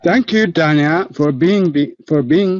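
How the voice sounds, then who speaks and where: A man's voice: a little high, normal speed, darkish tone, slight background noise. A man from Eritrea who is a caller in an online voice chat room. His call keeps dropping out and breaking up, and he repeats himself to check that he can be heard. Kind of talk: halting spoken tribute. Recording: dull lo-fi online call audio.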